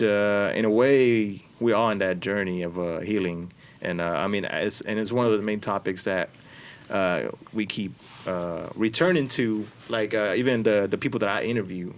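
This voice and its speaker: A man hosts a relaxed podcast chat in a low voice. He gropes for words, restarting often and padding his questions with fillers. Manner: hesitant, many fillers and restarts. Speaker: podcast host. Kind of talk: casual interview chat.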